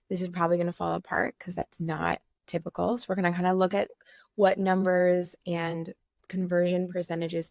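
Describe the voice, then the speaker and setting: A woman co-hosting an online course, explaining in a friendly, practical way with quick asides. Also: lowish voice, no room sound, studio quality. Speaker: course co-host. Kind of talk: casual course walkthrough.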